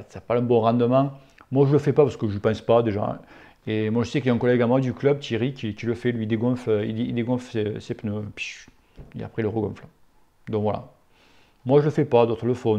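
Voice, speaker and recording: A man's voice: mid-range voice, brisk, vocal fry, mellow. A man hosting a casual cycling Q&A, talking in a blunt, familiar and outspoken way with crude slang. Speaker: cycling channel host answering viewer questions. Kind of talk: casual spoken Q&A.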